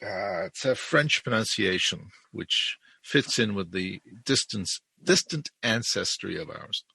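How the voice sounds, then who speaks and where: An older man from South Africa speaks as an interview guest, his voice gravelly and bright yet a little husky. He tells stories in a wry, matter-of-fact way. The sound is dry and close. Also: low-pitched, lively intonation, measured pace, dry recording. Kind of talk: conversational interview.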